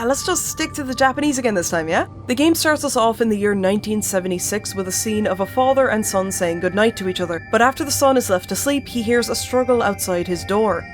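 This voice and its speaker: Chatty woman hosting a game video essay. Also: mid-range voice. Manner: chatty, swears, laughs often. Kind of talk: casual game commentary.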